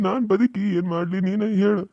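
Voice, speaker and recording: Voicing a young village husband in a cartoon serial, a man speaks North Karnataka Kannada in a high, creaky voice at a quick pace, repeating himself in despairing, anguished outbursts. The recording has no room sound and its highs are cut off.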